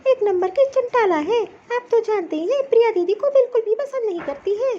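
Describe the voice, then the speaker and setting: A woman's voice: extremely high pitch, lively intonation, brisk, warm tone, highs cut off. A woman voicing an outspoken young daughter-in-law who scolds her family in a cartoon story. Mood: insistent. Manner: insistent, scolding.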